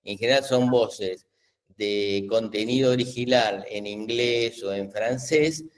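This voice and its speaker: A man's voice: lowish voice, slow. Man explaining patiently. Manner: patient, explanatory, many fillers and restarts. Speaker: webinar host explaining AI tools. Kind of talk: live webinar Q&A explanation.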